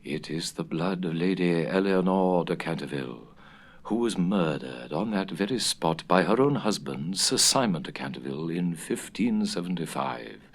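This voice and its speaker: A man voicing an old female housekeeper in a storybook, with a low, hushed voice and a grave, old-fashioned manner. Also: animated, moderate pace. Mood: ominous, mysterious.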